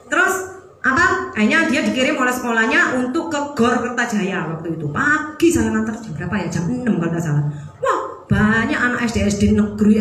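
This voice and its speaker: A middle-aged woman with an East Javanese accent, preaching a sermon and telling a personal story in a lively, animated way. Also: on the high side. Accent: East Javanese (Surabaya). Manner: animated, lively, mixes in Javanese phrases, laughs while telling. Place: church hall. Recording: very echoey church hall.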